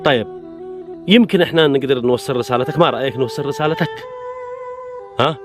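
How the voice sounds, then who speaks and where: Music runs under this outdoor vlog, where a Yemeni-accented male host casually interviews people, encouraging and coaxing them and frequently saying things twice. He speaks quickly in a mid-range voice.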